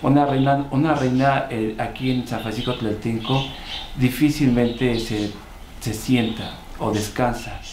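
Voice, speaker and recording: Measured Mexican man, echoey room. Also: mid-range voice, steady tone, darkish tone, a little hiss or hum. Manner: measured, halting, with fillers. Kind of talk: reflective interview talk.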